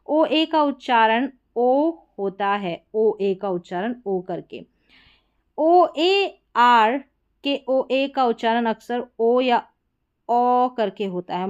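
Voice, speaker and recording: Woman, pronunciation teacher, fairly high voice, smooth and clear, drawn-out example words, dull lo-fi recording. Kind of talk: explaining and reading example words aloud. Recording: dull, lo-fi sound.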